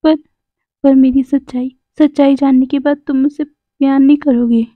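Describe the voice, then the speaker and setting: A woman's voice: sits high, flat delivery, no room sound, lightly acted. Woman voicing a tearful, stammering young man. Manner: sobbing, halting, stammering. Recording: tinny phone-like dry sound.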